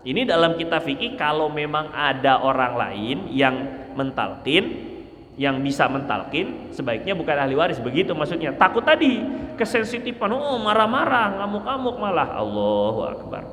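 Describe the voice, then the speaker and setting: A man teaching a casual mosque study lecture, animated and conversational, acting out little examples as he explains. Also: a little high, normal speed, a little hiss or hum. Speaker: religious teacher. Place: mosque hall. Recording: echoey mosque hall.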